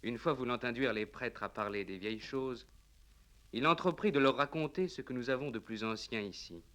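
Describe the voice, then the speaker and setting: A man's voice: medium pitch, a bit bright, close to an everyday voice. A man performing a solemn, declamatory reader of an ancient tale for 1950s radio, recorded on old worn tape. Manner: declamatory, measured, emphatic. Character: male narrator reciting Plato's solemn tale of old priest and Solon. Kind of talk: 1950s radio dramatic reading, scripted narration.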